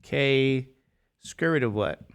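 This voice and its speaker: A man teaching a math class, lecturing with quick questions to the students that he answers himself. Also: mid-range voice, animated, smooth.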